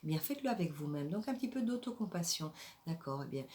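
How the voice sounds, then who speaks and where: A woman's voice: lowish voice, big pitch swings, fast talker, a little mellow. A woman with a French accent giving motivational advice to camera as a happiness coach, speaking expressively with frequent hesitations.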